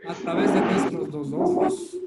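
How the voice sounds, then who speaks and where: A man's voice: high voice, huge pitch swings, measured pace. A man teaching a live Bible study class, constantly quizzing his listeners with rhetorical questions. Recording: echoey room with faint noise.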